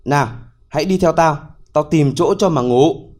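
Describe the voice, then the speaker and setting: A man's voice: on the high side, moderate pace, darkish tone, close to an everyday voice. A male storyteller voicing a cart driver who asks brusque questions. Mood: questioning. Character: gruff but helpful cart driver.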